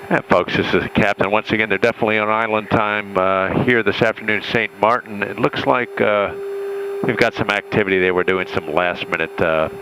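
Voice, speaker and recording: A male airline captain making a relaxed cockpit announcement over the cabin PA, halting with many fillers. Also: fairly low pitch, background noise. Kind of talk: casual in-flight announcement.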